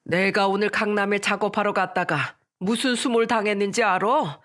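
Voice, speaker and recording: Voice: mid-range voice, lively intonation, measured pace, a bit bright, voice pushed up. A storyteller voicing an angry middle-aged father who works as a plumber, speaking in a raised, indignant voice.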